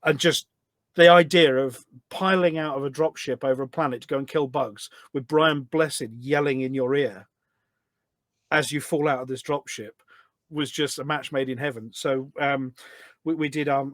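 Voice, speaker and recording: With a medium-pitched, fairly bright voice, this man, who produces voice packs for games, rambles happily through anecdotes as a podcast guest, hopping between details. The recording is dry.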